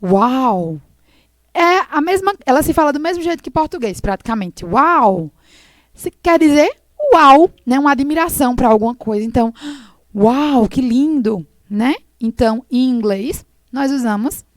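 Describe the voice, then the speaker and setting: A woman English teacher explaining slowly and patiently, repeating words for her students in a recorded lesson. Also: fairly high pitch, a little mellow, no echo.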